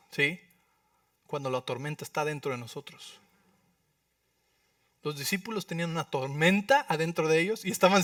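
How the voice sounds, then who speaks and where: A male pastor preaching a sermon, acting out prayers and dialogue with sudden loud outbursts and often asking the congregation questions. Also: on the high side, no room sound, studio quality, distant mic. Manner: asks the congregation for agreement with frequent rhetorical questions. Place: church.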